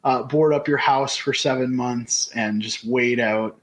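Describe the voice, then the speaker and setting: A man's voice: medium pitch, steady tone, unhurried. A man co-hosting a podcast, chatting casually in a rambling, conversational way. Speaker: podcast co-host. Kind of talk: casual chat.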